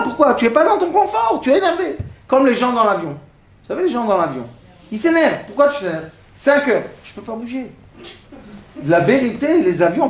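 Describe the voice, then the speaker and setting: Animated preaching man in an echoey room. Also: sits high. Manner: animated, acts out everyday scenes with questions to the audience. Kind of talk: sermon.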